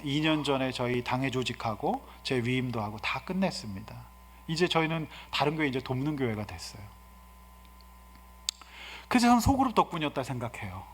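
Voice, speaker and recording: A man in his fifties, a guest pastor preaching a sermon, swinging from soft asides to loud exhortations. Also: fairly high pitch. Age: 50s. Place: church sanctuary. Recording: hall reverb in a church.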